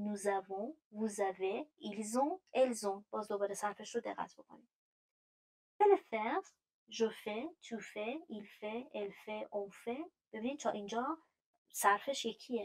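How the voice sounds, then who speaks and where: Persian-speaking woman, mid-pitched, patient French grammar teacher, reads verb tables slowly. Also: poor audio. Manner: explains patiently, reads French verb forms aloud slowly, frequent fillers. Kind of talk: grammar lesson.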